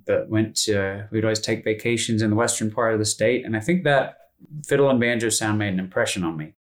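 A man in his thirties from North Carolina, a musician telling his story in a casual interview, relaxed and rambling with frequent fillers and restarts. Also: lowish voice. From North Carolina, USA. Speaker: musician guest.

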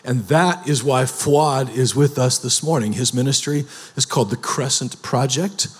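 A man's voice: mid-range voice, moderate pace, slightly rough. A man as pastor, introducing a guest speaker to the church in a welcoming manner. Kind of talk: church announcement.

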